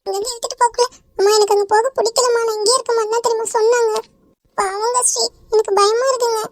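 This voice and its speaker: A performer voicing a distraught middle-aged mother in an animated cartoon, pleading through tears. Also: very high voice, racing, no echo, studio quality. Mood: tearful pleading. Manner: pleading, sobbing.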